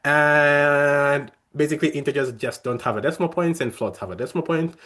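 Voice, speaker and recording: A man's voice: fairly high pitch, fairly even intonation, fairly quick, fairly bright tone. A young man leading a coding workshop, explaining each step in a friendly way with many fillers and restarts. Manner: friendly, talks through steps with frequent fillers and restarts. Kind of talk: live coding tutorial.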